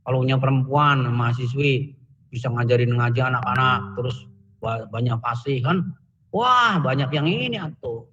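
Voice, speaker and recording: A man's voice: mid-range voice, moderate pace, fairly bright tone, long reverb tail, lo-fi sound. A man teaching Quran letter pronunciation in an online class, drilling sounds and joking in between. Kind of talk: online tajwid lesson.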